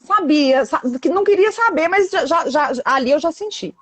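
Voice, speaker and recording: A woman's voice: very high-pitched, animated, moderate pace. A woman in her thirties on a live video call, telling a painful story with intensity and acting out what people said to her. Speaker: guest sharing her story. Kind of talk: emotional live chat.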